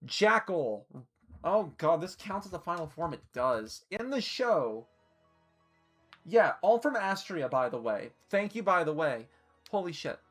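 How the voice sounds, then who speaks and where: A woman's voice: fairly low pitch, very animated, measured pace, soft background music. Hiccuping, chatty woman streamer, swearing. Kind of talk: casual live-stream chat ranking costumes.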